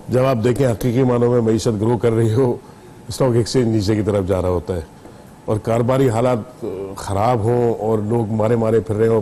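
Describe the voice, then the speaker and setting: A middle-aged man from Pakistan, a business leader guest on a TV talk show, arguing his case in a measured, explanatory way. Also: on the low side, dark tone, a little hiss or hum. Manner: measured, explanatory, argues patiently.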